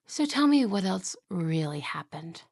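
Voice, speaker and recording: A woman performs an ASMR roleplay as a jealous, possessive young wife, using an exaggerated, very animated voice that sits on the low side. She purrs very slowly with a creaky, gravelly edge, drops into hushed whispers and giggles, and comes across as sweet yet quietly menacing on a close, dry, dead microphone with no room sound.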